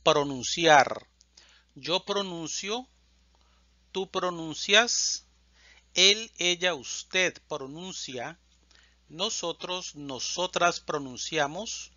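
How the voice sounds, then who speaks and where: Brief: male language teacher, very slow, careful enunciation of each form, slightly higher voice, dry and slightly dull recording. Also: sharp tone, dry recording. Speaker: Spanish teacher. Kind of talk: slow, deliberate conjugation drill.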